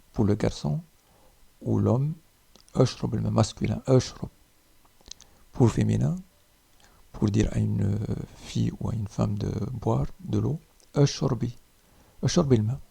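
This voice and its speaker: A man teaching a spoken language lesson, repeating each word slowly with pauses. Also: medium pitch, vocal fry, dark tone, slightly rough.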